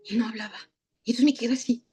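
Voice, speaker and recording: A woman's voice: on the high side, fairly even intonation, racing, dark tone, breathy edge. Mexican woman telling stories in class. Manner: acts out dialogue, tag questions. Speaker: thanatologist giving a masterclass. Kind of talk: storytelling lecture.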